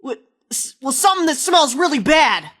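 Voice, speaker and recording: A woman's voice: high voice, big pitch swings, normal speed, fairly bright tone. An actress playing a wisecracking, foul-mouthed woman companion in a video game, sarcastic and slangy. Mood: disgusted.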